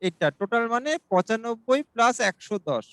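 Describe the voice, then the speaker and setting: High-voiced man teaching math slowly. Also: animated, no room sound, rough recording. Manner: slow, step-by-step explaining, reads questions aloud in English; asks students for doubts. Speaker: mathematics teacher. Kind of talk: exam-prep math lesson.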